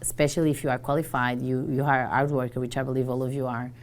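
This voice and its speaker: A woman gives a motivational talk, her voice sitting low in pitch. She tells her story with animated, acted-out dialogue, and faint noise runs under the recording. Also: fast talker. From Portugal. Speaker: guest speaker.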